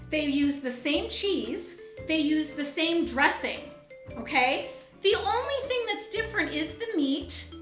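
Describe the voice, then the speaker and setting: A woman's voice: high-pitched, pushed and bright, roomy sound. A woman who hosts a food blog show, chatting casually and answering comments with exasperated emphasis and laughter. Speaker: food blogger and show host. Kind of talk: casual chat reading comments.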